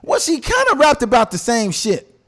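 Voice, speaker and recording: A man co-hosting a podcast in casual chat, animated and often repeating phrases for emphasis. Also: very high voice, normal speed. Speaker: podcast co-host.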